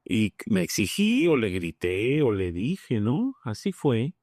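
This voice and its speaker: A man's voice: lowish voice, very animated, slow pace, darkish tone, dry recording, clean studio sound. Frank Mexican man, slangy storyteller. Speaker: guest, member of Alcoholics Anonymous. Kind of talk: personal recovery testimony in a podcast conversation.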